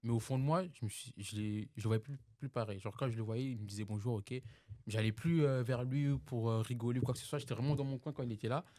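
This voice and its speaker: A man's voice: medium pitch, fast, warm tone, no room sound. A man from Congo, a podcast guest in casual chat, telling personal stories in a reflective way with many restarts.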